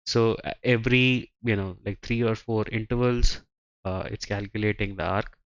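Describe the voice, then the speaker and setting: A man with a stuffy, nasal voice, sick and congested, reads a text aloud on a live stream. He breaks off into hesitant side comments full of fillers. His voice sits fairly low, and the sound is a little dull and lo-fi. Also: fairly even intonation, normal speed. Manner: reads aloud, then adds hesitant asides with many fillers. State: congested, under the weather. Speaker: streamer reading and reacting to a dev blog.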